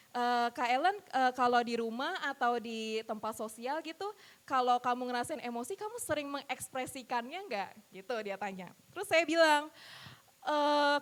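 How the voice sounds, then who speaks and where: A young woman with an Indonesian accent shares a personal testimony in a loose, conversational way, tossing in little fillers as she goes. Her voice sits high and bright, and she talks freely as if to friends. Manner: chatty, frequent filler "gitu ya". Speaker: church speaker giving testimony.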